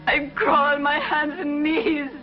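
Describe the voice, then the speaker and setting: A tearful, desperate woman clings to a phone call, her high voice breaking into halting, stammered pleas. It has the dated delivery of a 1950s television drama. The sound is muffled, with music playing clearly underneath. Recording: muffled old TV broadcast with music.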